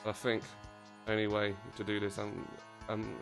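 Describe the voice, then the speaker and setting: Excitable low-voiced streamer. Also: male voice, unhurried. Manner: excitable, rambling, swears casually. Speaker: game streamer. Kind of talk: casual livestream commentary while playing. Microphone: close desk mic. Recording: game music playing behind.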